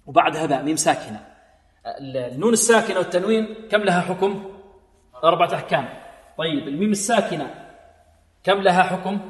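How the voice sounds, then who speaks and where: A man teaching Quran recitation rules, asking his students questions and answering them himself, then slowly chanting example verses. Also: on the high side. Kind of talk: tajweed lesson with recited examples. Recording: echoey hall, voice a bit distant.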